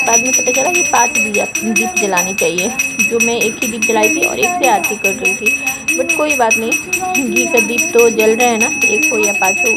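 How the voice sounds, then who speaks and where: A woman vlogger narrating her video in a fast, chatty voice-over, with frequent fillers. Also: on the high side. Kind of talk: casual vlog voice-over.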